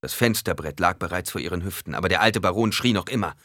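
Male narrator, deep but crisp voice, dry close sound. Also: fast talker, a bit bright, no room sound. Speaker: audiobook narrator. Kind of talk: scripted narration.

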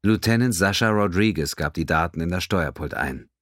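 A man reads a science fiction novel aloud with steady narration. His voice is very deep. The recording is dry and close to the mic. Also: moderate pace, dry recording. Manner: steady storytelling. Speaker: audiobook narrator. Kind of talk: scripted narration.

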